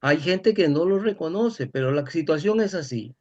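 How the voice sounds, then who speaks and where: A man's voice: fairly high pitch, animated, moderate pace, a little mellow, highs cut off. A man with a Costa Rican accent in an informal discussion, explaining things emphatically. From Costa Rica.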